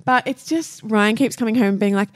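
A woman's voice: a little high, brisk. A young adult woman speaking as a podcast host, moving between scripted presenting and casual chat.

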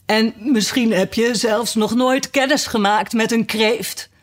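A gloomy male mock turtle drags out every word in slow sorrow, voiced by a woman. His voice sits a little above her usual one. It is told as a storybook reading. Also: on the high side, fairly even intonation, voice pushed up, natural voice. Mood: mournful.

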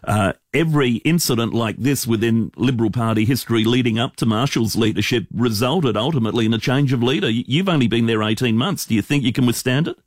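A male radio host with a mid-pitched voice in a dry, close studio sound. He presses his guest with pointed, skeptical questions and keeps the pressure on. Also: quick pace, few pauses, no room sound. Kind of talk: live radio interview.

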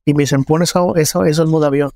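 A man's voice: fairly high pitch, fairly even intonation, racing, creaky, mellow, no room sound, studio quality. Earnest Mexican man recounting his story. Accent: Mexican Spanish. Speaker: journalist giving testimony. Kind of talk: personal testimony interview.

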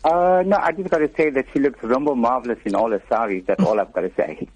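A man's voice: mid-range voice, fast talker, slightly rough, dry recording. A man calling in to a radio show over the phone, courteous and effusive. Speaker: radio caller. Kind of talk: brief call-in praise. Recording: muffled phone line.

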